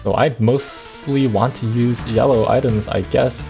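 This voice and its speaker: A man streaming a game, chatting casually and thinking aloud with quick reactions. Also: mid-range voice, steady tone, vocal fry, over music. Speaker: gaming streamer.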